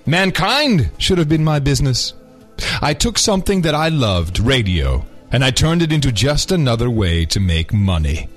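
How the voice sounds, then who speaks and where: A man voicing the stern, mournful ghost of a greedy businessman in an audio drama, with an unearthly voice and solemn, drawn-out delivery. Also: medium pitch, very animated, faint music behind, natural voice. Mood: mournful, regretful.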